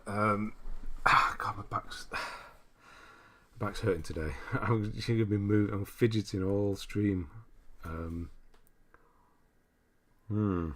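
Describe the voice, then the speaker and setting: A livestream host with a lowish, steady voice talks slowly and pauses often. He goes through messages from viewers and comments on game lists in a rambling, think-aloud way, often veering into tangents.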